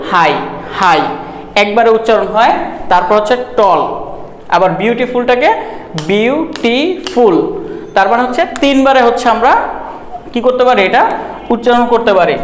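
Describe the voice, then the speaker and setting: A man teaching a grammar lesson at a board, explaining step by step and slowly repeating words to count their syllables. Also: very high-pitched. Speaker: English teacher. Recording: echoey room.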